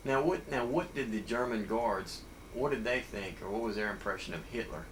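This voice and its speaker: A man's voice: medium pitch, normal speed, a bit bright. A man interviewing a veteran, asking short follow-up questions with hesitant restarts. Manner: brief prompts and follow-up questions. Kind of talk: oral history interview. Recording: noisy recording.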